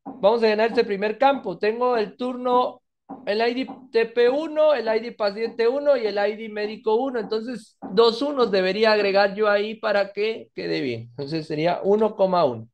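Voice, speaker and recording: Higher-voiced man explaining step by step. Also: normal speed, dull audio. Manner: explains step by step, asks "¿verdad?" often. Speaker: database instructor. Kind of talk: screen-recorded coding tutorial.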